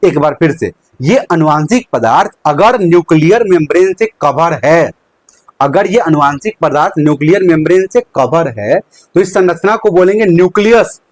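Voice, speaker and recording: A young man with a fairly high, expressive voice delivers a live online lecture at a moderate pace, with no echo. He poses questions and answers them himself, repeats key terms, and uses a handkerchief as a prop.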